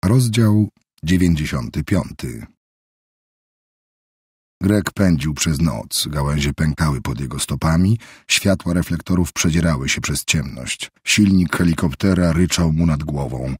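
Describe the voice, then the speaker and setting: A man narrating an audiobook in a steady, measured reading. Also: very deep voice, husky, dry recording, studio quality. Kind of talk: scripted narration.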